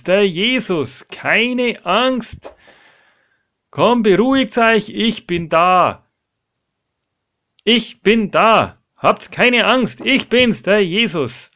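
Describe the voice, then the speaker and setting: A man's voice: high voice, animated, very slow, voice pushed up, full character voice. A man doing soothing, calling Jesus. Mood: reassuring. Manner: gentle, soothing, repeating comfort. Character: calm, reassuring Jesus, adult man.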